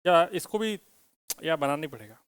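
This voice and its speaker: High-voiced man teaching physics. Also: lively intonation, moderate pace, smooth, no echo, clean studio sound. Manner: asks students questions, teasing and joking. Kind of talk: classroom lecture with students. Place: classroom.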